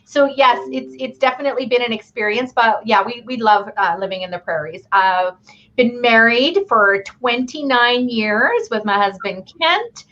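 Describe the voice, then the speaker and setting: A woman in her fifties, born in Chile, chatting as a guest on a video call in a friendly, thoughtful way with pauses. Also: a little high, bright, forceful tone. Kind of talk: casual video call chat. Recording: dull lo-fi call audio.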